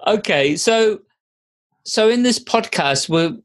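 A man co-hosting a podcast, chatting in a relaxed, agreeable manner. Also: high voice, slow pace. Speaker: podcast co-host. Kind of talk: casual podcast chat.

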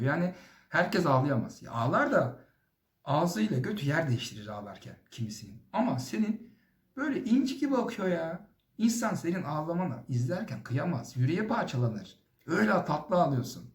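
A man's voice: medium pitch, roomy sound. A young man doing a comic monologue to the zodiac signs, teasing and exaggeratedly sweet, with sudden swearing outbursts. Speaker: comedy vlogger.

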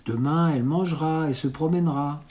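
A man reading aloud, voicing a cautious, reassuring young boy in a calm, measured tone. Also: fairly high pitch, natural voice.

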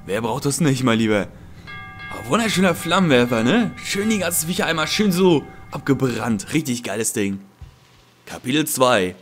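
Excitable man swearing through a game. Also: mid-range voice, moderate pace, faint music behind. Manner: excitable, swearing, talks to enemies. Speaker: let's play gamer. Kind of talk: game commentary. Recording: commentary over loud game sound.

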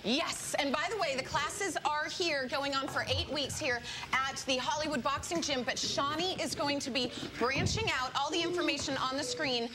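A woman's voice: high voice, normal speed. An American woman in her thirties doing live, casual morning-show reporting from a gym. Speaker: TV field reporter. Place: busy indoor gym during a class. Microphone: TV broadcast microphone. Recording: noisy gym live broadcast.

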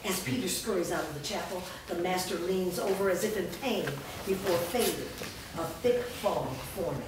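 A woman with a lowish voice reads stage directions at normal speed as the narrator of a staged play reading, giving scripted narration while seated before an audience in an indoor performance room. She is picked up by a far-off camera mic, and the room sounds very echoey and noisy.

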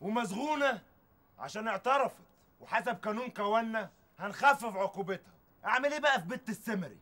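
An actor playing a ruthless gang boss in a TV drama, speaking with an Egyptian accent in a commanding, menacing way. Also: male voice, high-pitched, lively intonation, fast, pushed and bright. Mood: gloating. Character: ruthless male gang boss called the Prince. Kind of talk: TV drama acting.

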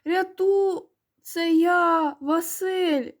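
A woman's voice: very high-pitched, fairly even intonation, extremely slow, pitched above the performer's own voice, heavily acted. A woman voicing a frantic, drowning boy. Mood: panicked. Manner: frantic, yelling pleas. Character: panicking boy drowning in a costume.

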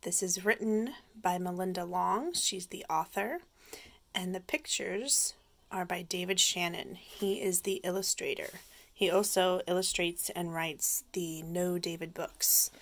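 A woman teacher reading a picture book aloud slowly and clearly for young children. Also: on the low side, fairly bright tone.

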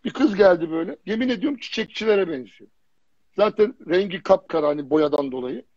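A high-pitched man with a husky voice chats casually on a livestream, telling his stories with blunt slang and lots of repetition. He grew up in Germany and sits on a fitness jury. The sound is dry and dull, like lo-fi stream audio. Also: animated, quick pace, darkish tone, no room sound. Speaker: fitness jury member, guest. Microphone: phone or computer on a live video stream.

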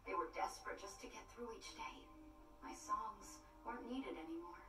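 A woman voicing a sad, haunted young female singer in an anime dub, speaking softly and wistfully. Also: medium pitch, normal speed, natural voice. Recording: echoey, distant TV audio with music.

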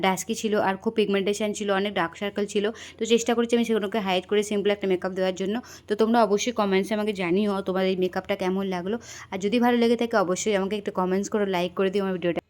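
A young woman with a mid-range, slightly mellow voice narrates a chatty, rambling vlog, filming on her phone outdoors near a station at night.

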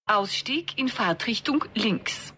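A woman delivers onboard train announcements. Her voice is breathy and pitched a little high. She reads slowly and formally. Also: lively intonation, sharp tone.

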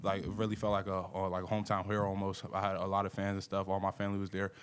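A man's voice: low-pitched, monotone, racing, clear, resonant tone. A young man, a college basketball player, answering reporters in a casual, upbeat way at a postgame press conference table mic. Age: young adult. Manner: upbeat, casual, uses "like" and "I mean".

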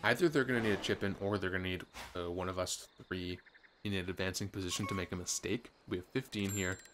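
Speaking at a quick pace, this man's low voice keeps a steady tone while he narrates his own game in casual, upbeat play-by-play. He hosts a gaming channel, uses some gamer slang, and has game music running underneath.

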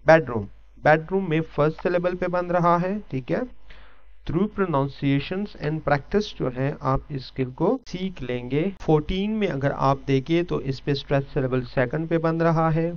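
A man teaching an English lesson, explaining step by step and often pausing to check that listeners follow. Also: on the high side, no echo. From Pakistan. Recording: dull lo-fi recording.

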